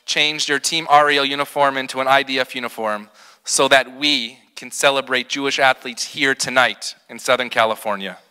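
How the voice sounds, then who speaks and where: A middle-aged man, a rabbi, giving a prepared ceremony speech at a podium, telling stories with slowed, emphatic pauses. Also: medium pitch, steady tone, bright, forceful tone, smooth. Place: large hall with balloon decor. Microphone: podium microphone. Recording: long hall reverb.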